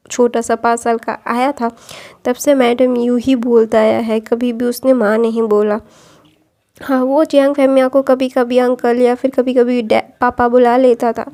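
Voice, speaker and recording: Casual female storyteller who searches for words and corrects herself; mellow, dark tone. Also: on the high side. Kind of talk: casual storytelling retelling of fan fiction.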